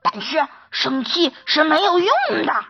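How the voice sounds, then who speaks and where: A woman teacher reading a picture book to young children, slow and animated with many interjections. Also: sits high, dull audio, faint music behind.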